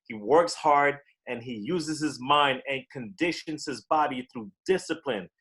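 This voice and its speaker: A man's voice: medium pitch, measured pace, a bit bright. A man giving a motivational impromptu speech at a club meeting, using rhetorical questions. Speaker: meeting participant answering a table topic.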